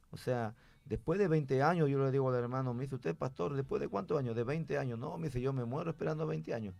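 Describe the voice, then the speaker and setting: A man's voice: medium pitch, gravelly, darkish tone, no room sound. A man, a pastor sharing his experience in an earnest, chatty way. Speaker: pastor, guest. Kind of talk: conversational testimony.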